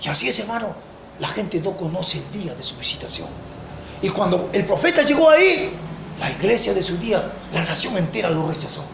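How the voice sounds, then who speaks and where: A man's voice: very animated, a little fast, vocal fry, lo-fi sound. Peruvian male pastor, impassioned sermon, keeps calling listeners "brother", echoey church room, faint hiss. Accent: Peruvian Spanish. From Peru. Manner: impassioned preaching, swinging between loud peaks and low asides; addresses listeners as "hermano". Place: church hall.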